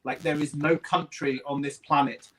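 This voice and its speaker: A man's voice: a little high, fairly even intonation, moderate pace, background noise. A man speaking earnestly as a panel guest in an online chat, often repeating words as he starts a thought.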